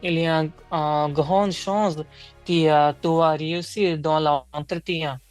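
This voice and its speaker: A woman taking a speaking exam in a language that is not her first, answering in a role-play with many fillers, restarts and pauses. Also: deep voice, fairly even intonation, a little mellow, faint music behind, rough recording. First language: not French. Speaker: exam candidate.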